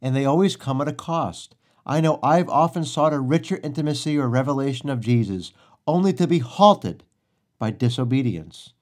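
A middle-aged man preaching a devotional sermon, earnest and measured, repeating key lines for emphasis. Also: mid-range voice, expressive, a little mellow.

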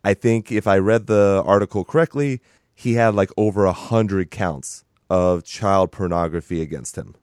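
A young adult man hosts a casual podcast, his voice congested from sinus trouble. The tone is a little low yet smooth and resonant, and it sits close in a dry, dead room. He jokes about himself in a dry, deadpan way. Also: moderate pace, no echo. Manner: dry, self-mocking humor. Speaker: podcast host.

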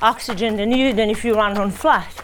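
A woman coaching a runner outdoors on a hilly trail, giving steady, encouraging instructions. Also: medium pitch, brisk, slight background noise. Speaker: running coach. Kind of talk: coaching on the run.

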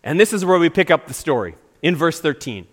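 High-voiced, animated male preacher. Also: fairly quick. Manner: earnest, preaching with emphatic stresses. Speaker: pastor. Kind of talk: sermon.

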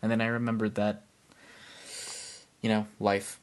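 A man's voice: lowish voice, monotone, measured pace. A man hosting a casual podcast chat, telling rambling stories and poking fun at himself. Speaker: podcast host.

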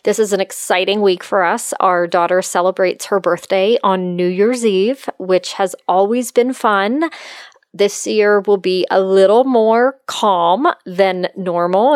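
A woman's voice: medium pitch, darkish tone, clean tone, no echo, clean studio sound. A middle-aged woman hosting a solo podcast, speaking to listeners in an open, friendly manner. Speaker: podcast host and life coach.

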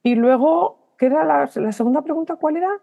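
A guest writer from Spain with a Spain Spanish accent tells stories on a podcast interview in a gravelly, high-sitting voice, and the recording is muffled. She's a lively storyteller, acting out remembered dialogue in quick bursts full of restarts and self-corrections.

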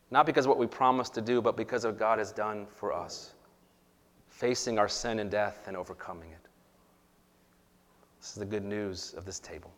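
A pastor leading an Easter communion liturgy, speaking in a measured, earnest way, with a long cathedral-like echo around his voice. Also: lowish voice. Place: church sanctuary. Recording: long reverb in a large church hall.

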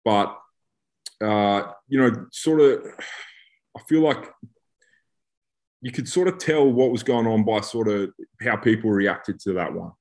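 A man's voice: fairly low pitch, a little slow, pauses often, darkish tone. A man chatting casually on a podcast in a blokey, joking, slangy way. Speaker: podcast co-host, rugby player turned coach.

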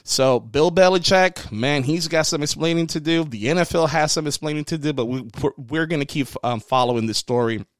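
A man's voice: fairly high pitch, brisk, few pauses, no room sound, clean studio sound. Earnest man giving casual, emphatic commentary. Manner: earnest, emphatic, repeats phrases for stress; conversational, addresses listeners directly as folks. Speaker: host giving workplace hiring advice. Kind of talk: casual opinion commentary with practical tips.

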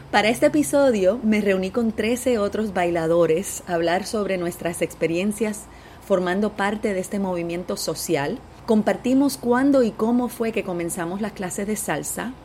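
Podcast host, female, Puerto Rican accent, mid-pitched, upbeat and chatty, faint hiss underneath. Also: darkish tone. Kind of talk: personal podcast intro monologue.

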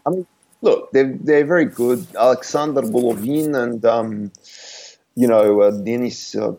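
A man's voice: mid-range voice, a little slow, warm tone. A man co-hosting a podcast, chatting casually about sport in a rambling, hesitant way, often laughing. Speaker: podcast co-host.

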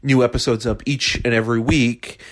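A man's voice: medium pitch, steady tone, fairly quick. A man in his early thirties chatting casually as a podcast co-host, easygoing and rambling, on a cheap phone mic that pops. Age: 30s. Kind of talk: casual chat. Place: bedroom in a house. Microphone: handheld iPhone mic.

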